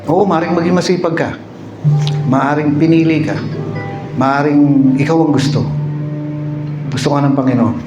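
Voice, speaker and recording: A pastor from the Philippines preaching a sermon, telling jokes and stories with frequent asides to the congregation. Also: male voice, on the high side, normal speed, pauses often, echoey room, muffled recording, music in the background. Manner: lively storytelling with jokes and "no?" asides.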